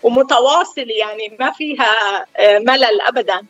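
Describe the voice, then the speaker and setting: A middle-aged woman with a Lebanese accent, a chef speaking over the phone as a guest on a call-in interview, telling her story calmly and without hurry. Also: fairly high pitch, a little fast, soft background music. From southern Lebanon. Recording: dull phone line.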